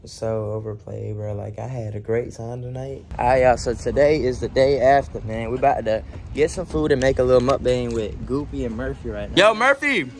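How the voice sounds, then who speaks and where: Gravelly young man in a noisy space. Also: medium pitch, steady tone, brisk, a little mellow. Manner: slangy, profane, laughs a lot. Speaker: vlogger host. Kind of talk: casual chat.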